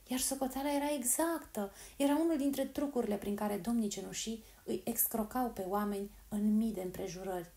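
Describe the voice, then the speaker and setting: A woman narrating a storybook in a calm, measured reading voice. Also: fairly high pitch, gravelly. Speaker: audiobook narrator.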